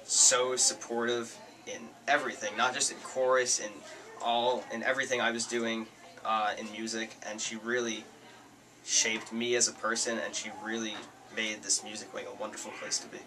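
A young man, a graduating high school senior, sincerely describing his teacher's support. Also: level tone, normal speed, bright, forceful tone, a little hiss or hum, rough recording. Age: young adult. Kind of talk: testimonial to camera.

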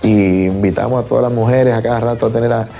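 Gravelly man telling his story. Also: mid-range voice, fairly even intonation, quick pace, warm tone, faint music behind. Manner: emotional, repeats words, acts out his own past quotes. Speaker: former merengue singer giving testimony. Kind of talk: personal testimony interview.

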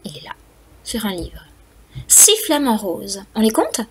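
Lively, slow-paced woman storyteller. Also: mid-range voice, husky. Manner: animated, addresses the children directly, counts aloud slowly. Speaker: children's storyteller. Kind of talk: reading a picture book aloud to young children.

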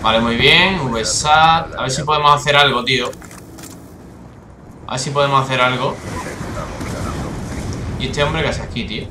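A man with a Spain Spanish accent giving excitable, swearing live commentary over his own gameplay, with bursts of frustration. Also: mid-range voice, moderate pace, long pauses, echoey room, background noise. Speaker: gaming YouTuber.

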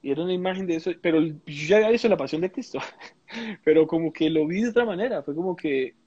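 A man's voice: a little high, expressive, fast, a little mellow, husky, no echo. Reflective man, dry muffled audio. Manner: reflective, searching for words, many restarts. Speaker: interview guest. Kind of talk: casual testimony in a live interview.

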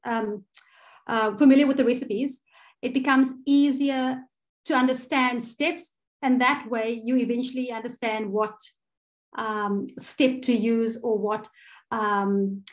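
A woman with a South African accent runs an online cooking workshop over a video call. She's chatty, with lots of fillers and self-corrections, and her voice sits on the high side.

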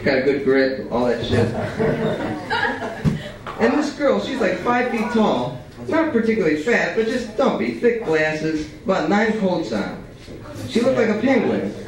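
A young man reads his own prose and poetry live at a stand mic in a small, dim indoor cafe, colloquial and profane. His voice sits high with big pitch swings at a measured pace. A distant camcorder catches it all, with echo and audience chatter around him.

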